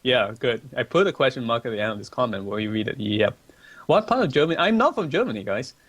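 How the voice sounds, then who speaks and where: With a husky, fairly bright voice of medium pitch, a young Malaysian streamer talks fast and expressively. He reads viewer questions aloud at his desk microphone, rambling chattily through his answers. There's no room sound.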